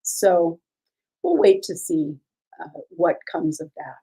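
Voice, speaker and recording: With a scratchy voice that is on the low side, warm, and breathy at the edges, a woman casually discusses court cases on a livestream. She answers chat questions with measured legal opinions, though her speech is full of ums and restarts.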